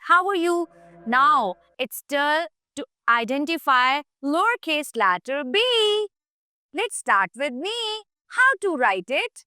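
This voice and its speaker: A woman's voice: high-pitched, pushed and bright, no room sound, studio quality. A woman with a Pakistani accent teaching a children's English phonics lesson in a sing-song, encouraging manner.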